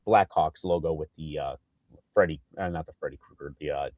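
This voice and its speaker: A man co-hosting a casual sports podcast, telling an animated story with lots of fillers and acted-out quotes. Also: a bass voice, brisk, dry recording, narrow, tinny audio. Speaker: podcast co-host.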